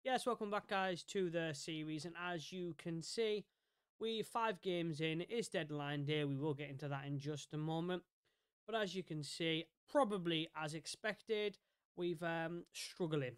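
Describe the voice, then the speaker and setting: A man's voice: on the high side, unhurried, clean tone, dry recording, clean studio sound. Rambling man narrating his gameplay. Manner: rambling, self-correcting. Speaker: gaming YouTuber. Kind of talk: casual game commentary.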